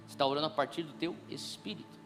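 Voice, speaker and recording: A man's voice: fairly high pitch, steady tone, fast, a bit bright, faint music behind. A man preaching a sermon, telling a family story and acting out the dialogue with big voice swings. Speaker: pastor.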